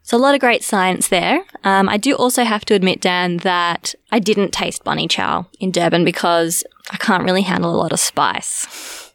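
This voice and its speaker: A woman hosting a podcast, chatting casually and laughing easily, then reading the closing credits in a steady voice. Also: fairly low pitch, moderate pace, creaky, dry recording. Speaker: podcast host. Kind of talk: casual chat and scripted outro.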